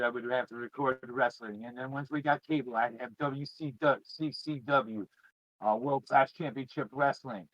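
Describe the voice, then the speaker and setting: Chatting with viewers and reminiscing, a middle-aged man who streams and hosts a podcast rambles in an informal, emphatic manner. His voice is medium-pitched and fairly bright, captured in a dry, muffled recording.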